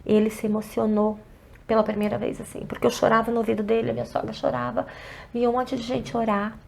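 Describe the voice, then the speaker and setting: A woman with a Brazilian Portuguese accent speaks as an interview guest, telling an emotional personal story. Her voice sits a little high and carries a steady gravelly fry. She often drops softer to act out what others said. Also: fast, a little hiss or hum. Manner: acts out quoted dialogue, often softly.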